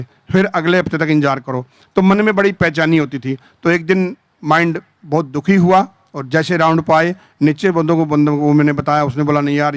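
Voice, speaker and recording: A middle-aged army veteran, telling a personal story with feeling and acting out the dialogue. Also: male voice, fairly high pitch, no echo. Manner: animated, acts out quoted dialogue. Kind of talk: emotional storytelling talk. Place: event hall.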